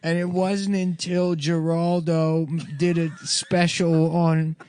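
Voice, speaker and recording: A man voicing an Italian-American intern with a put-on New Jersey Italian accent, reading a book report in a slow, halting, earnest way. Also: on the high side, little pitch movement, darkish tone, smooth, dry recording, pitched above the performer's own voice.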